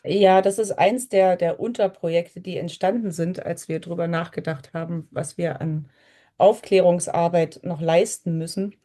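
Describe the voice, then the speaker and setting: A woman's voice: lowish voice, steady tone, moderate pace, warm tone. A woman co-presenting, giving informal explanations in a presentation.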